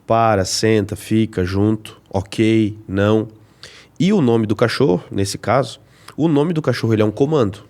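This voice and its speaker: A man's voice: mid-range voice, a little mellow. A man explaining dog training as a podcast guest, teaching with everyday examples and rhetorical questions.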